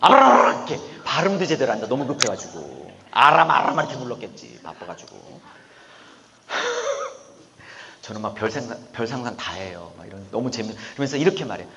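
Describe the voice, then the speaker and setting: A middle-aged man preaching a sermon as pastor, animated, swinging between soft murmurs and loud exclamations. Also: lowish voice, moderate pace, long reverb tail. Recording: dull lo-fi recording with faint room noise.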